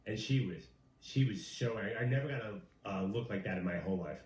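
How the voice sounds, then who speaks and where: A man's voice: on the low side, expressive, fast, a little mellow, far from the mic. A man on a chat show telling his side of a prank he pulled. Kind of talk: casual storytelling chat. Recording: roomy sound from off mic, faint ambience.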